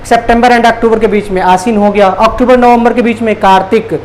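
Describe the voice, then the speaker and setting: A man gives a patient vocabulary lesson, saying each word several times and spelling it out letter by letter. His voice sits fairly high for a man. A faint hiss of noise runs under the recording. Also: steady tone, moderate pace, rough recording. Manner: patient, repetitive explaining, spells words letter by letter. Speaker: English teacher. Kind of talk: Hindi-language vocabulary lesson.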